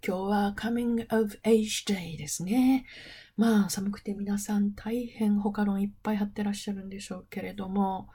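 Woman, middle-aged, husky, mellow, chatty teacher, playful asides. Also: mid-range voice. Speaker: host of an interpreting training program. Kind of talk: casual lecture-style talk.

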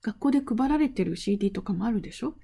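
A middle-aged woman teaching in a casual spoken lesson, chatty and playful, asking rhetorical questions and dropping into breathy asides. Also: mid-range voice, lively intonation, rapid-fire, dark tone. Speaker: interpreting instructor.

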